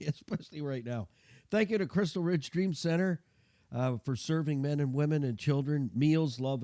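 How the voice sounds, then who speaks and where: A man speaks as the chatty host of a folksy car show, in a dry, close studio sound. His tone is dark and relaxed, thickened by a gargly, congested winter cold. He keeps up a jokey, homespun patter. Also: medium pitch, no room sound. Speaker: radio show and podcast host.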